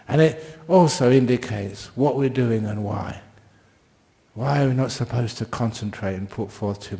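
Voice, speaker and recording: A man's voice: on the low side, creaky, warm tone. A man speaking informally as a meditation teacher, introducing a class in plain, short phrases.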